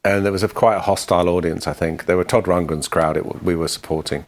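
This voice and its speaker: A man's voice: low voice, steady tone, quick pace. A man co-hosting a podcast, telling band anecdotes in a dry, matter-of-fact way. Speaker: podcast co-host and musician. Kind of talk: casual storytelling chat.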